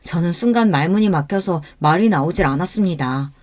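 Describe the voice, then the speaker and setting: A woman narrating a first-person story in a steady, scripted storytelling voice. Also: fairly low pitch, brisk.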